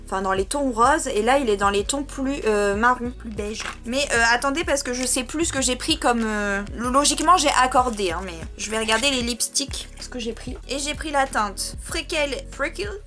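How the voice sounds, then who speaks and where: A woman's voice: on the high side, a bit bright. A young woman chatting casually in a beauty vlog, self-mocking and talking while she tries on makeup. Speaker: beauty vlogger. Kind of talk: casual makeup tutorial chat.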